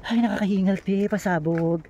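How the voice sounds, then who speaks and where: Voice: mid-range voice, a little fast, mellow, highs cut off. A vlogger with a Filipino accent, chatting through a casual travel vlog, playful and exclaiming, often out of breath.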